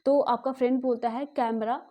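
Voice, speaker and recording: A woman's voice: a little high, moderate pace, mellow. A woman teaching an exam-prep lesson on memory tricks in a chatty way, mixing English words into her talk and checking "okay?" after nearly every sentence. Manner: mixes English words into Hindi.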